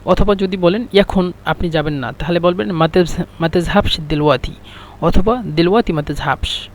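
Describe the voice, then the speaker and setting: A man with a Bangladeshi Bengali accent teaching an Arabic lesson, repeating phrases slowly to drill them. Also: high-pitched. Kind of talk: explaining a language lesson.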